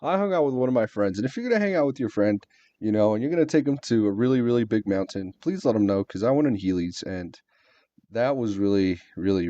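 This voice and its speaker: A man's voice: fairly low pitch, dark tone, no echo. A man co-hosting a podcast, telling a rambling story full of fillers in casual chat. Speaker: podcast co-host. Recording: dull lo-fi sound.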